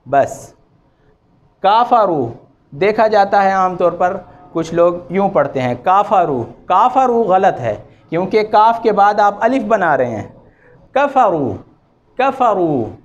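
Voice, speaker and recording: A man teaching Quran recitation rules, chanting examples with long drawn-out vowels and correcting common mistakes. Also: sits high, animated, dull audio. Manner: draws out vowels and repeats examples slowly, then corrects. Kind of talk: slow, patient tajweed lesson with chanted examples.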